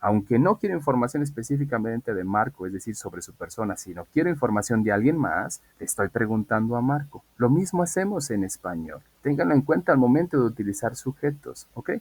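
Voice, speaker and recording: A man's voice: medium pitch, expressive, brisk, hardly any pauses, a little mellow, husky. A man teaching an English class online, explaining patiently and asking students questions.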